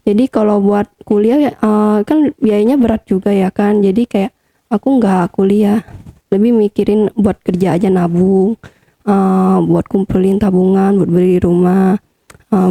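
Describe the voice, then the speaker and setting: Very dark-toned young woman telling a story. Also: medium pitch, steady tone, unhurried, gravelly, dry recording. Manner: chatty, hesitant with many fillers. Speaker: interview guest. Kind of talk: casual personal storytelling.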